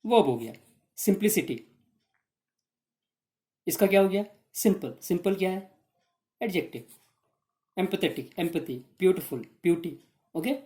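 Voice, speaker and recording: A woman teaching English to students in an exam revision lesson, with an Indian English accent, switching between Hindi and English and slowly repeating example words. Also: fairly low pitch, lively intonation, dark tone.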